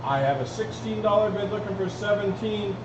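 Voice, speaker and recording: A man with a high voice calls bids as an auctioneer at a live auction, repeating the numbers in a steady chant-like patter. He sounds some way from the microphone in an echoey room. The recording is dull. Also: a little fast. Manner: auctioneer's repetitive bid calling, addressing folks. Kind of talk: live online auction calling. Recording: roomy, distant mic, dull, clearly noisy.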